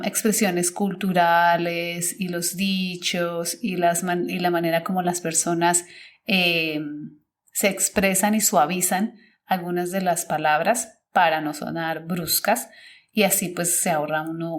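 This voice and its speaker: A woman teacher hosting a podcast, talking casually and thinking aloud, often correcting herself and searching for words. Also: fairly low pitch. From Colombia.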